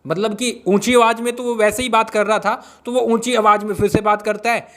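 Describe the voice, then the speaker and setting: एक आदमी जो रियलिटी शो की ताज़ा खबरें जोश और नाटकीय अंदाज़ में सुनाता है।. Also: male voice, high-pitched, little pitch movement, brisk, a bit bright. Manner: dramatic, hypes up the news and re-enacts quarrels. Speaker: YouTuber giving reality show updates. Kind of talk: excited gossip recap.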